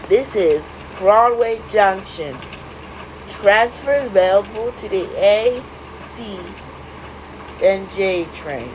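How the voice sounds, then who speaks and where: A woman making recorded subway train announcements, stop by stop in a flat, measured announcer delivery. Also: medium pitch, a little hiss or hum, rough recording.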